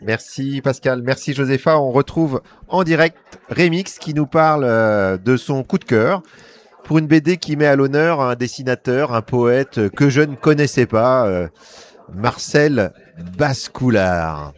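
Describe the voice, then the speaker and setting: A male radio host with a medium-pitched voice. He presents in a chatty and playful style, linking segments. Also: unhurried.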